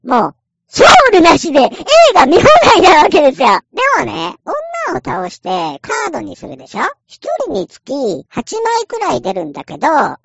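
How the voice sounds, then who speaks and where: A woman's voice: high-pitched, huge pitch swings, normal speed, vocal fry, no echo, muffled recording. A woman casually explaining a game in a chatty, playful way, acting out little quotes as she goes.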